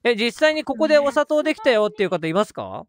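Young man, streamer, lively teasing chat, quick talker, voice chat crowd behind. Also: very high-pitched. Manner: chatty, teasing, quick to laugh. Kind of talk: casual VR chat. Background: crowd of other players.

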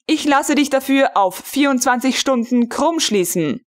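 A woman's voice: high voice, expressive, unhurried, voice pushed up. A woman reading the lines of a strict, pedantic male army captain in an audiobook, stiffly reciting rules. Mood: stern.

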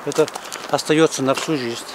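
Standing by a road in a mountain village, a middle-aged man talks plainly to an interviewer in a casual outdoor interview, revisiting memories and repeating himself as he goes. His voice is a little high, steady, and at normal speed. Outdoor noise and passing traffic can be heard.

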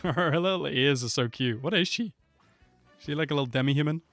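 A man in his twenties hosts a reaction video, talking casually into a close desk microphone. His voice is fairly high, a little fast, and fairly bright. Game trailer music plays behind him.

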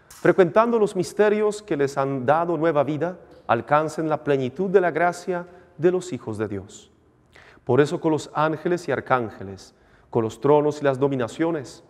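Priest praying solemnly in cathedral echo. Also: male voice, on the high side, darkish tone. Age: middle-aged. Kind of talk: solemn liturgical prayer and preaching. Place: indoor chapel, at altar and lectern. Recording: long cathedral-like echo, reverberant chapel.

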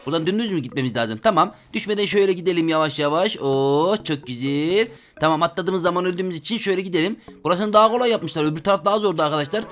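A young man hosting a game video, commentating his play, chatty and slangy with sudden loud exclamations. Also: on the high side, rapid-fire, soft background music. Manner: excitable, loud outbursts and frequent exclamations; talks to viewers as friends, slangy. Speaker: gaming video host. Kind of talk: Roblox gameplay commentary.

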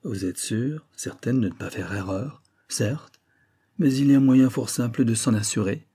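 A man's voice: mid-range voice, normal speed, warm tone, slightly rough. A man reading an audiobook voices a wealthy young widow, a countess, with a pleading, emotional manner. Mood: eager. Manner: pleading, breathless, tearful.

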